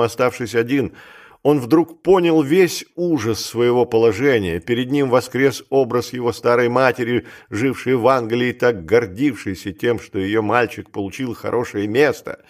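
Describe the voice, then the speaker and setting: A man reading a story aloud as an audiobook narrator, in an even, measured way. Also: mid-range voice. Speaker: audiobook reader. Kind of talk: scripted narration.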